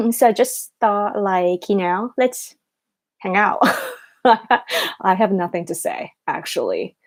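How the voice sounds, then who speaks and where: A woman chatting casually on a live stream, keeping her voice quiet late at night as if someone is asleep nearby. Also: medium pitch, sing-song, slow, pauses often. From Japan. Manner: quiet, hushed late-night talk so as not to wake a sleeper. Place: small room in a tiny two-room home.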